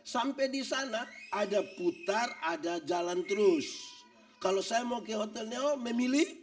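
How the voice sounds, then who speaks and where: High lively preacher guy, jokey sermon, a bit far from the mic in church. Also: measured pace, faint music behind. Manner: animated preaching with acted-out quotes and jokes. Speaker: pastor.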